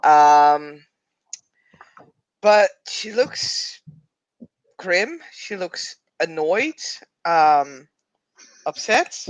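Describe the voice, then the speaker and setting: A tabletop game player describing their character hesitantly, with many pauses. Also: medium pitch, expressive, dry recording, dull audio. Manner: hesitant, filler-heavy.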